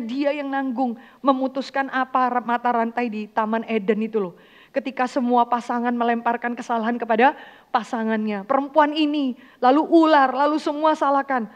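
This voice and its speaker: A woman's voice: fairly high pitch, lo-fi sound. A woman vicar preaching a sermon in an earnest way, acting out the voices she quotes.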